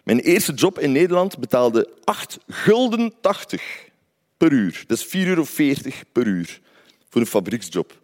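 A man's voice: medium pitch, very animated, unhurried, darkish tone. Flemish man telling his life story. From Belgium. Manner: conversational, often adds tag questions. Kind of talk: personal storytelling.

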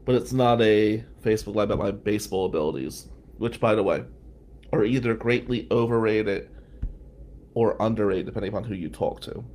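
A man's voice: lowish voice, a little fast, darkish tone. A middle-aged man from New Jersey hosting a live stream, telling a rambling story with many tangents. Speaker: host.

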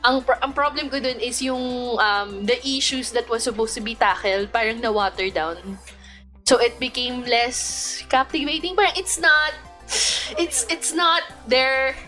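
A woman with a Filipino accent co-hosting a casual podcast chat, emphatic and quick to laugh, mixing English and Filipino. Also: sits high, bright, forceful tone, faint music behind. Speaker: podcast co-host.

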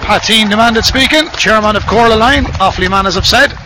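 A man's voice: sits high, brisk. An Irish man doing conversational radio sports commentary. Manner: conversational, explains events to co-commentator. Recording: outdoor broadcast with clear background noise.

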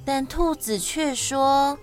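Speaking slowly in a high voice, a woman with a Taiwanese accent hosts a children's podcast. She tells the stories herself, narrating them with plenty of expression.

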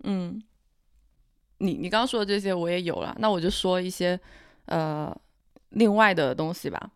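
A woman co-hosting a podcast in casual, reflective chat, sounding calm, cool and rational. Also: on the low side, moderate pace, smooth, no echo, studio quality. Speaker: podcast co-host.

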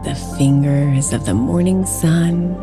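A woman with a low, unhurried voice guides a meditation, soft and soothing. Calm new-age music plays clearly beneath her.

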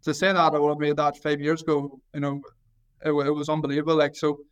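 A man's voice: a little high, little pitch movement, fast, clear, resonant tone. A man in his twenties with a County Down, Northern Irish accent, giving a casual sports interview in a modest, hesitant way with repeated words. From County Down, Northern Ireland. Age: 20s. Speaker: Gaelic football goalkeeper trying out as American football kicker.

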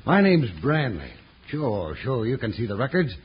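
Man doing a cagey western clerk, lively pitch, lo-fi radio. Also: moderate pace, natural voice. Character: cagey association clerk, evasive then fawning. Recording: dull, faintly noisy old radio recording.

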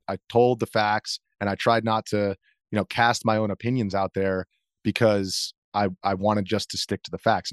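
A fairly low-voiced American man, appearing as an interview guest, explains himself in an earnest, conversational way and often restarts his phrases. The recording is dry, with no room sound.

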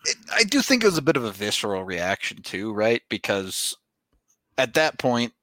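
A man's voice: fairly low pitch, very animated, moderate pace, a bit bright, no echo. Casual American man hosting, dry close sound. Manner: informal, chatty. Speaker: sports podcast host. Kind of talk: casual sports talk and ad reads.

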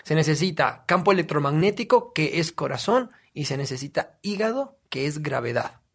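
A man's voice: on the high side, animated, normal speed, breathy edge. A man, a guest in a casual podcast, explaining emphatically and asking himself questions he then answers.

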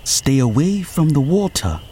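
A man's voice: fairly high pitch, very animated, a little slow, mellow, breathy edge, heavily acted. An actor playing a fussy, formal man fleeing on foot at night, speaking in precise, proper phrases. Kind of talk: audio drama acting.

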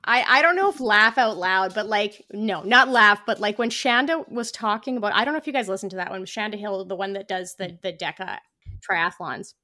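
Woman podcast guest, bright and forceful voice, chatty storyteller, dry close sound. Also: a little fast, no echo. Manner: animated storyteller, acts out quotes with big pitch jumps, many "like" fillers. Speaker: podcast guest and running podcast host. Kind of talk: casual podcast interview.

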